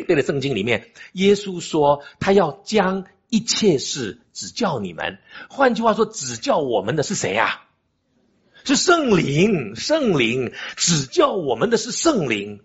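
Very husky older male preacher. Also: fairly high pitch. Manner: emphatic preaching with rhetorical questions to the congregation. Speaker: pastor. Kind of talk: sermon. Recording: dull lo-fi recording.

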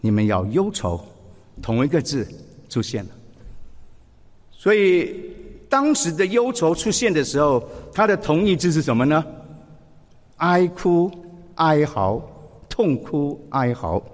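Male pastor, sermon, expressive delivery, slightly high voice, long hall reverb. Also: a little slow, long pauses. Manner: expressive, acts out quoted speech with emotion.

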